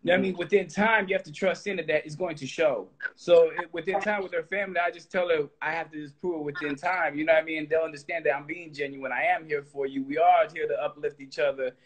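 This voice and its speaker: A husky-voiced man in his late thirties hosts a laid-back interview. His voice sits high for a man, and he talks loosely, tripping over repeated words before finding his point. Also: quick pace, few pauses. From Texas. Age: 30s. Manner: loose, animated, repeats words when starting. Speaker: host. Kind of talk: casual interview chat.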